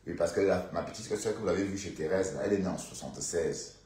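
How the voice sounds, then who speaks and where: Chatty Congolese man, low, echoey. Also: fast, warm tone. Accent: Bandundu Congolese French. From Bandundu, Congo. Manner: chatty, rambling, with many fillers, asides to viewers. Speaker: live-stream commentator. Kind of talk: casual live-stream gossip commentary.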